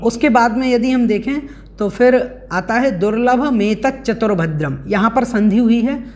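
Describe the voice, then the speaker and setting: Man patiently explaining scripture verses. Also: high voice. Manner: measured, explains word by word, chants verses slowly. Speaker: religious teacher. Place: home, online class.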